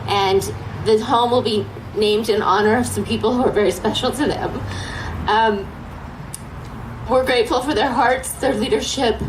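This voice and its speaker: A woman's voice: fairly high pitch, fairly even intonation, normal speed. Woman giving a speech in echoey surroundings. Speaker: event speaker introducing donors. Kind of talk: informal ceremonial speech. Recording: echoey, faint ambient noise.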